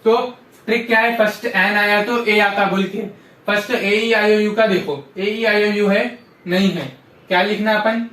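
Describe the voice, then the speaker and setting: High-pitched guy explaining grammar, keeps asking "got it?", mic kinda far off. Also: fairly even intonation, measured pace, pushed and bright. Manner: repetitive, drills rules with frequent "samjhe?" check-ins. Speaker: teacher. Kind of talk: classroom-style grammar lesson. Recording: echoey room, voice from a distance.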